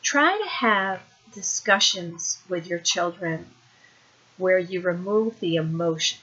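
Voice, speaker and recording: A woman in her forties gives parenting advice in a casual, conversational way, often pausing with ums and restarting her sentences. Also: fairly low pitch, animated, sharp tone. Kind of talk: casual advice talk to camera. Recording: dull, lo-fi recording.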